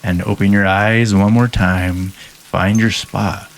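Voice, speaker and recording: A man guiding a listener through a hypnosis induction in a soft, calm, measured way with long pauses. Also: on the low side.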